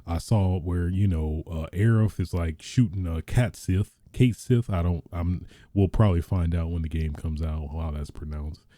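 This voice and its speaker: A man hosting a casual gaming podcast who talks in an excitable, rambling way, with many fillers and restarts, into a podcast mic. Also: low voice, normal speed, hardly any pauses, no room sound, studio quality. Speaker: podcast host.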